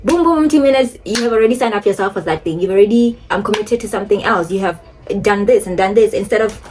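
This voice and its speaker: A woman's voice: mid-range voice, quick pace, darkish tone, a little hiss or hum. A young woman chatting casually to a phone camera while doing her makeup, rambling and laughing often. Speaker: beauty and lifestyle vlogger.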